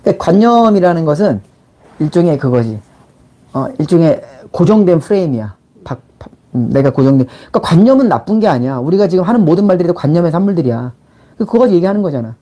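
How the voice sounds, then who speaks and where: Quick, sing-song, and warm, this higher-pitched male voice belongs to a middle-aged channel host who mentors people on life and money. He lectures casually and bluntly, peppering the listener with rhetorical questions. Mid-talk, he acts out small quoted exchanges.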